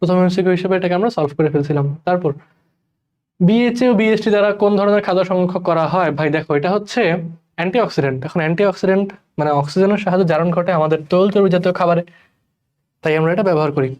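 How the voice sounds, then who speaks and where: Young guy from bangladesh racing through chemistry mcqs, repeats stuff, a bit high voice. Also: a little mellow, highs cut off. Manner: rushed, repeats key terms, addresses students as brother. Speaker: chemistry tutor. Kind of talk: rapid exam-prep lecture. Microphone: recorded voice-over for class slides.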